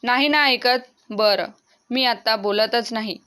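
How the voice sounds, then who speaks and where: Storybook mother, loving but strict, voiced by the woman narrator. Smooth, clear delivery. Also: a little high, takes it slowly, pushed and bright. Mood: firm. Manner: firm, admonishing.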